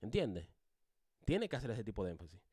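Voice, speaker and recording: Animated Spanish-speaking pastor teaching preaching. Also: male voice, fairly low pitch, fairly quick, husky. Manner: animated, swings voice loud and soft for demonstration; addresses class directly, many rhetorical questions. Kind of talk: homiletics class lecture.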